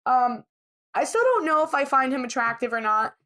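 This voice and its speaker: A woman co-hosts a podcast recapping reality TV, chatting casually and freely sharing her opinions. Her high voice is bright, forceful and very animated, at normal speed.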